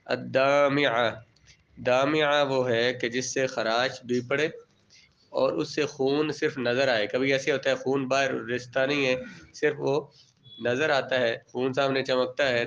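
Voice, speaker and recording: A man's voice: mid-range voice, fairly even intonation, a bit bright, a little hiss or hum. A male teacher from Pakistan giving a classroom lecture. He reads out Arabic terms and explains each one in plain everyday words, often asking the class a question and then answering it himself. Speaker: religious studies teacher. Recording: dull lo-fi classroom recording.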